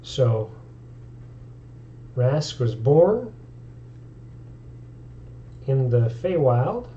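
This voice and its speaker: A man's voice: mid-range voice, sing-song, drawn-out words, mellow, muffled recording, slight background noise. A man streaming about tabletop games, talking casually and thinking aloud in an easygoing way. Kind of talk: casual live-stream talk.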